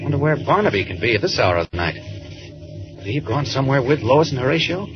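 An actor playing a mild, polite but persistent reporter in a radio drama, questioning hesitantly or thinking aloud. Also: male voice, mid-range voice, sing-song, quick pace, over music, lightly acted. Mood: puzzled, musing. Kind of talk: 1940s radio acting. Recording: muffled vintage radio recording.

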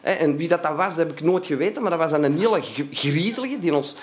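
A man with a Flemish accent telling a personal story in an animated way, with many fillers and restarts. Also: on the high side, fast talker. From Flanders, Belgium.

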